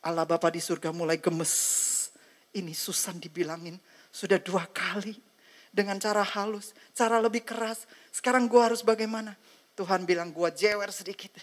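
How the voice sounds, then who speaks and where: A woman's voice: mid-range voice, fairly even intonation, normal speed. A woman pastor preaching a sermon dramatically, acting out dialogues and calling on the congregation to say amen.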